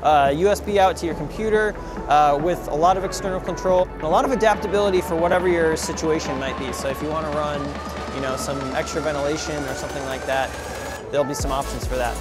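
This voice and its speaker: Talking fast over music, a young man guides viewers through a coffee equipment trade show in a big convention hall. His voice runs a little high, and his delivery is casual, upbeat, and full of fillers.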